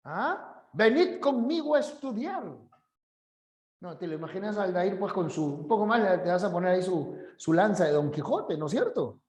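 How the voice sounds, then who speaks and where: A man's voice: high voice, expressive, a little fast, few pauses, darkish tone, echoey room. A male teacher, giving a conversational class for an admission exam and often checking that students agree. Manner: conversational, asks students for agreement, acts out examples.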